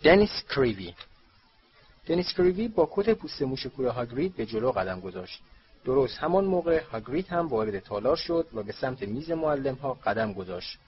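A man narrating a storybook audiobook in a steady reading voice, on a dull lo-fi recording. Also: mid-range voice.

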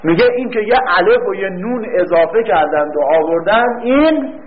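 A man teaching a grammar class, quizzing his students and answering his own questions, reading lines slowly and then explaining them quickly. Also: sits high, animated, a little hiss or hum. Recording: dull lo-fi recording.

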